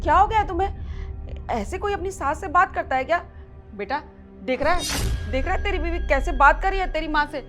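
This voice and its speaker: Actress as hurt mother-in-law, very high pleading voice, soft music under. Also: expressive, fairly quick. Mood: complaining. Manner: pleading, complaining. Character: wounded, complaining mother-in-law.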